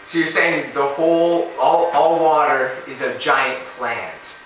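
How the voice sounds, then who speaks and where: A man's voice: a little high, takes it slowly, a bit bright. Man, host, probing follow-up questions, distant from the mic, echoey room, faint hiss. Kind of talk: casual questioning.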